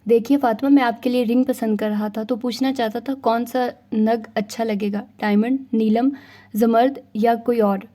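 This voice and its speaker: A woman's voice: on the high side, steady tone, normal speed, mellow, natural voice. A woman narrator voicing an eager, playful young man on the phone. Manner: eager, teasing.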